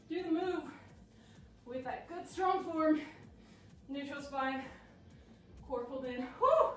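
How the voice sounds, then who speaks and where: A woman fitness coach leading a workout while doing it herself, out of breath and encouraging. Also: high voice. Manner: encouraging, breathless between exercises. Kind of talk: workout instruction. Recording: roomy sound from a distance.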